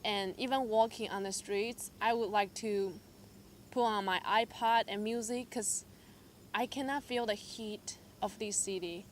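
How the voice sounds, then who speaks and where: This church member, a young adult woman from Taiwan, recounts her testimony a little slowly in a medium-pitched voice. Her storytelling is halting and full of fillers, livened by quoted asides, and slight background noise can be heard.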